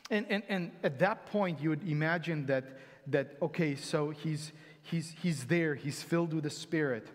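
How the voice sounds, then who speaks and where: A male pastor preaching a sermon, animated and acting out quotes with sudden loud exclamations, recorded in a church sanctuary. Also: a little high, moderate pace. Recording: church hall reverb.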